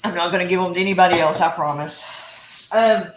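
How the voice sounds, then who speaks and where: A Texan woman hosts a home cooking show, her voice fairly low and her pace quick. She's chatty and teasing, laughing often through a casual live cooking chat, and the sound carries the roominess of a big kitchen.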